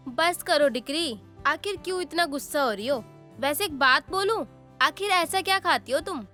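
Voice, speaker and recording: A woman voicing a nosy, gossiping middle-aged auntie in an animated story, scolding and nagging. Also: sits high, moderate pace, soft background music.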